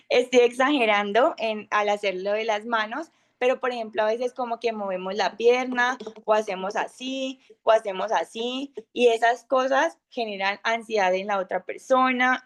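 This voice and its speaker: A young adult woman giving an informal talk on communication, speaking loudly and with a high voice, full of fillers and acted-out examples. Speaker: speaker of an online masterclass.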